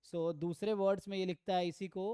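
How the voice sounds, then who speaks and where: Male math tutor, clear tone, dry close recording, thinks out loud and reads theorems slowly. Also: sits high, level tone, no echo. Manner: thinks aloud, mixes Hindi with English terms. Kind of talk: online exam-prep lecture.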